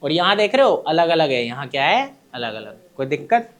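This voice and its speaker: A man's voice: on the high side, sing-song, a little fast, a bit bright. A male teacher giving a classroom lecture, who keeps asking his students short questions, answers them himself, and calls them his children. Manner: addresses students fondly as children.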